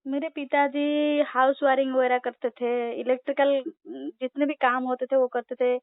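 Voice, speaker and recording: A high-pitched woman from Odisha tells her life story over a tinny phone line. She speaks in a halting, storytelling way with many fillers. The sound is dry and close. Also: little pitch movement, no room sound. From Odisha, India. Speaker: interview guest. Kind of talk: telephone interview.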